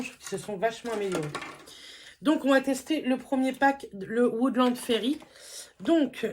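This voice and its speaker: A woman chats her way through a makeup haul, her voice sitting a little high. She talks loosely, with frequent fillers and eager little asides. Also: a little hiss or hum. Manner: chatty, lots of fillers, enthusiastic asides. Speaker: beauty vlogger. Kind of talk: casual haul review.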